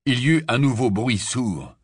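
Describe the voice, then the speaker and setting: A man reading an audiobook aloud in a slow, dramatic, expressive narration. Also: medium pitch, slightly rough, no room sound, clean studio sound.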